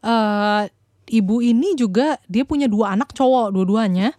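A woman co-hosting a casual podcast chat as a parenting counselor, encouraging and quick to agree. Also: a little high, warm tone, no room sound. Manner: encouraging, frequent agreeing backchannels.

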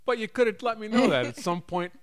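A middle-aged American man speaks fast in a high register, chatting casually and comically. He's animated and rambling, often correcting himself as he goes.

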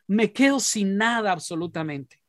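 A man's voice: high-pitched, animated, moderate pace, no room sound, studio quality. A man doing a pleading pearl trader. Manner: pleading, tumbling offers. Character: desperate pearl merchant, eager and pleading.

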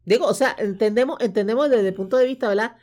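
A woman, co-hosting a casual film podcast, agreeable and quick to chime in. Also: on the high side, darkish tone. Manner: agreeable, chimes in with short affirmations. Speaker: podcast co-host. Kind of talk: casual film review chat.

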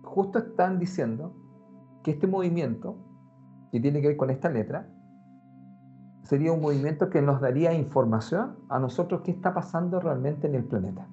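A man talks in a lively, conversational way, often turning straight to the listener. His voice sits a little high. The recording is muffled and lo-fi, with faint music in the background. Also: moderate pace. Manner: animated, conversational, addresses the listener directly. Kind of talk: casual explanatory talk.

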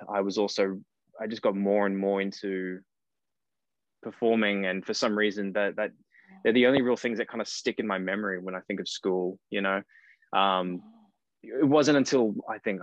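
An Australian man in his early thirties talks as a podcast guest in a somewhat low voice. He rambles, restarts and corrects himself as he goes. The call audio is dry and a little dull. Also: dry recording. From Cairns, far north Queensland, Australia. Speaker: guest actor. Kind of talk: casual podcast interview.

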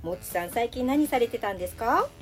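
A woman's voice: fairly high pitch, expressive, fast, faint music behind, close to an everyday voice. Woman as a perky radio host with a temper. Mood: bright, polite. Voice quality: polite and bright on air, rough and blunt off air. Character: cheerful female radio host with a coarse hidden temper. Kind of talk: comedy radio sketch.

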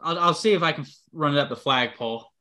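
Upbeat male podcast co-host, sharp voice, jokey and animated. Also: on the high side, fast. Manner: excitable, laughing, joking. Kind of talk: casual chat.

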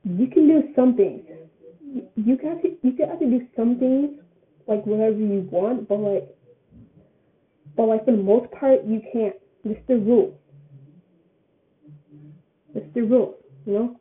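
An eighteen-year-old woman shares her views in a loose, casual vlog. She rambles and circles back over the same phrases, in a voice pitched a little high. The audio is thin and tinny, like a phone line. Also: a little slow, pauses often. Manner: rambling, repeats phrases often.

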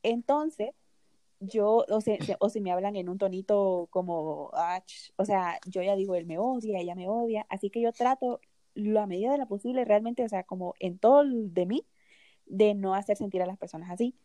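A young woman hosting a podcast, casually telling a personal story in an animated way, often laughing along. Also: mid-range voice, moderate pace, dry recording. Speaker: podcast host.

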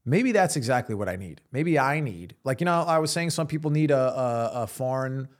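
A man's voice: mid-range voice, lively intonation, brisk. Chatty man telling a story on a podcast. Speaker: podcast co-host. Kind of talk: casual chat.

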